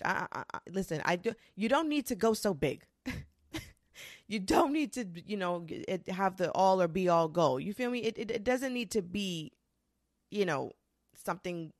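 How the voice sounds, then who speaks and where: A woman in her twenties talking casually and candidly to the camera, swearing freely and rushing through quick bursts. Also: mid-range voice, no echo, clean studio sound. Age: 20s. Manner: candid and profane, with frequent restarts and quick bursts. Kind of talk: casual confessional monologue.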